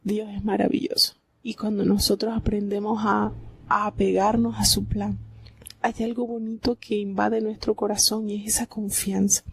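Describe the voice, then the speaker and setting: Husky, gravelly woman preaching. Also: mid-range voice, little pitch movement, normal speed, no echo. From Venezuela. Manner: reflective and heartfelt, often asking "¿verdad?". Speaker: Bible commentator. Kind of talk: devotional Bible commentary on a live program.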